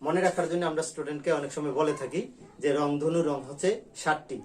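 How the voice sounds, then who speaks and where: A male teacher teaches an online grammar class. His voice sits a little high, and he repeats each vowel sound slowly so students can drill it. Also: fairly even intonation, darkish tone. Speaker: school teacher.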